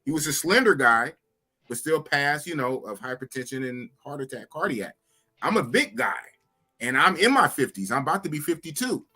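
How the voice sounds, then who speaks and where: With a fairly high, breathy-edged voice at a normal speed, a man in his fifties runs a live podcast. He talks animatedly to his chat in loose, casual conversation, repeating phrases as he goes.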